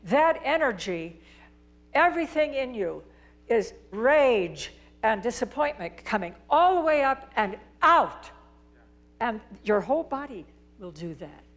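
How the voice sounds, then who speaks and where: A woman's voice: a little high, big pitch swings, measured pace. A woman coaching a singer in rehearsal, encouraging and probing. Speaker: acting coach.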